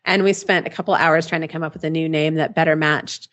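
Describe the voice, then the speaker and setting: A woman's voice: low voice, steady tone, quick pace, fairly bright tone, dull audio. A woman interview guest talking casually and informally, in a self-mocking storytelling style. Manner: informal, self-mocking, acts out remembered dialogue. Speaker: interview guest, blogger and author.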